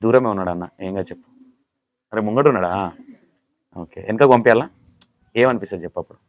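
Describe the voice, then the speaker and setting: A man's voice: on the low side, fast talker, a little mellow, no echo, muffled recording. A man with a Telangana accent conducting a casual interview, asking teasing, playful questions. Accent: Telangana Telugu.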